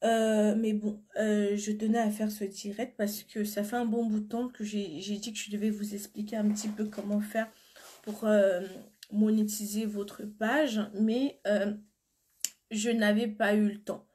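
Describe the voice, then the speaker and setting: Her voice is mid-range, warm, and flat, at a measured pace, as this flu-stricken beauty seller chats on a phone live stream. She answers viewers casually and becomes blunt when insisting.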